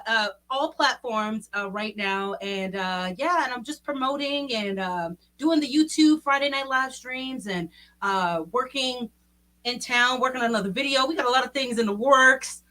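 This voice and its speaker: A woman from Baton Rouge, an R&B singer chatting as a guest in a relaxed way with many fillers. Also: a little high. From Baton Rouge, Louisiana. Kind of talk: casual interview chat.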